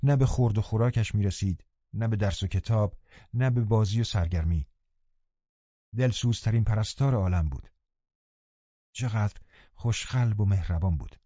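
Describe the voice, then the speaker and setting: Dark-voiced male audiobook narrator. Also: on the low side, no echo. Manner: calm, measured storytelling. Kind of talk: scripted narration. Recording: slightly dull, muffled recording.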